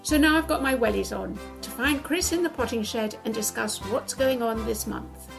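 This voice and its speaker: A woman's voice: a little high, normal speed, gravelly, music in the background. A woman hosting a gardening podcast, talking in a chatty, enthusiastic way with her co-host. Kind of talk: casual chat.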